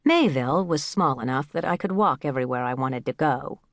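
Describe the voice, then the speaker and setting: A woman reading a first-person story aloud as an audiobook narrator, giving the dialogue a lively, playful turn. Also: very deep voice, a little fast, dry recording, clean studio sound.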